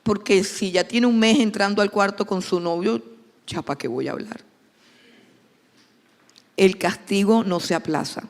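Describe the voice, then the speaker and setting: A woman's voice: medium pitch, a little slow, pauses often, long reverb tail. A woman pastor, preaching a sermon emphatically and repeating key phrases for stress.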